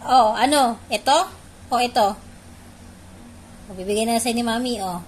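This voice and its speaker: A woman's voice: on the high side, measured pace, slight background noise. A woman playfully teasing her pet dog, repeating short commands and questions in a coaxing way. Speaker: pet owner.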